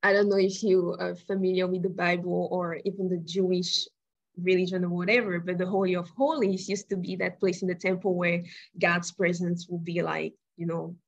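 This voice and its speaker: Low husky woman from Cameroon. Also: little pitch movement, normal speed, dull audio. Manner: thoughtful, searching for words with restarts. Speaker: interior designer. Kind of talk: casual interview conversation.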